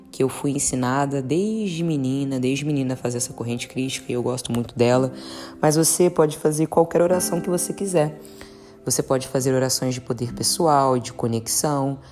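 A woman with a very deep, mellow voice guides listeners through a mantra and prayer practice. She speaks in a calm, earnest tone and repeats phrases slowly, over faint instrumental music. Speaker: spiritual guide. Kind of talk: guided meditation teaching. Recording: soft instrumental music behind.

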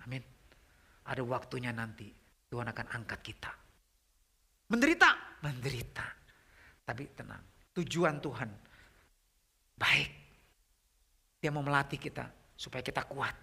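A middle-aged man preaching a youth sermon in a conversational way, asking the audience questions and swinging from loud, rising questions to hushed, near-whispered lines. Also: mid-range voice, moderate pace, gravelly, long pauses, breathy edge.

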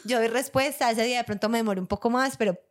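A woman's voice: fairly high pitch, quick pace. A woman co-hosting a podcast, reading listener stories aloud with laughs and asides. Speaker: podcast co-host.

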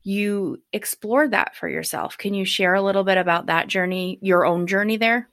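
A woman's voice: medium pitch, moderate pace. Encouraging, hesitant interview host woman. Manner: warm and encouraging, with hesitant fillers and self-corrections. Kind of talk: conversational interview.

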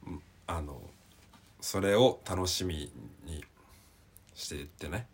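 A man co-hosting a casual podcast chat, playful and teasing, spinning quick jokey stories. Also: low-pitched, slightly rough. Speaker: podcast co-host.

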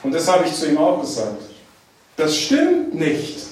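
A man preaching a sermon, dwelling on key phrases with drawn-out emphasis. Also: on the high side, huge pitch swings, darkish tone, a little hiss or hum. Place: church hall. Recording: echoey church hall, mic at a distance.

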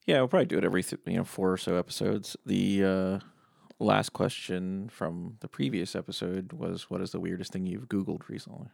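Man, podcast co-host, deep voice, heavy gravel, dry close sound, laid-back casual chat. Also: a little fast, darkish tone, dry recording. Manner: laid-back, short agreeing replies.

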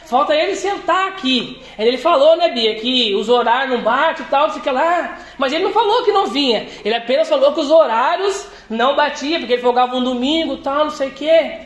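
A middle-aged man from Brazil, a deacon preaching a sermon, telling stories with laughs and bursts of shouting. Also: very high-pitched, animated, quick pace, few pauses. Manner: storytelling, laughing, rising to shouts. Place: church. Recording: echoey church room.

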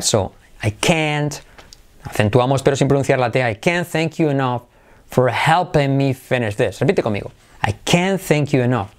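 A man with a Spanish accent from Spain teaching English, drilling phrases slowly and switching to quick explanations. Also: medium pitch. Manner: repeats phrases slowly for learners to copy. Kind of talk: bilingual English lesson.

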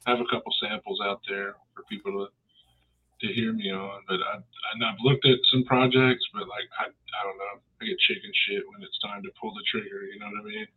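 A man's voice: lowish voice, lively intonation, fairly quick, slightly rough. A man talking casually as a podcast guest, laid-back and joking, heard over a tinny line. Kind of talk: casual chat.

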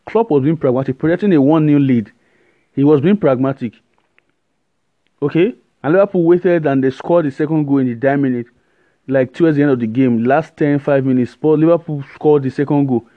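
A man hosting a solo football podcast, giving animated, rambling opinions with many fillers and restarts. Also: on the high side, brisk, no echo, narrow, tinny audio.

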